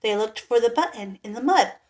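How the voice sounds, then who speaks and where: A woman reading a picture book aloud to children, adding gentle sympathetic asides. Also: a little high, lively intonation, fairly quick. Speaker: children's story reader.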